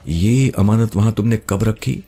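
A man's voice: lowish voice, sing-song, a little mellow, pitched above the performer's own voice. A man voicing a pushy, affectionate young woman with an insistent, teasing manner, in an audiobook with faint music behind. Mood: eager.

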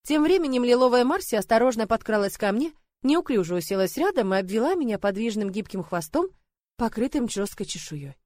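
A woman narrating a first-person fantasy story in an expressive, emotive manner. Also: a little high, fairly quick, no echo, studio quality. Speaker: audiobook narrator.

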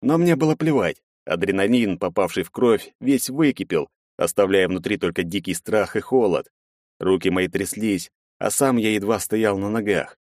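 A man's voice: low-pitched, normal speed, a little mellow, dry recording, studio quality. A man narrating a first-person action audiobook with a dramatic reading.

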